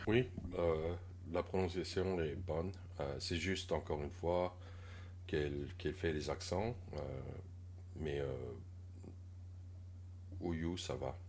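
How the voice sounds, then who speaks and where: A man giving a casual pronunciation lesson, coaching a learner with gentle critique and many hesitant filler pauses. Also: very deep voice, a little hiss or hum.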